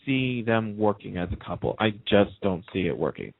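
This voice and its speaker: A radio talk show host with a lowish, creaky voice and big pitch swings chats at normal speed about TV soaps, sounding enthusiastic, opinionated and gossipy. The dry recording has a narrow, tinny phone-line quality.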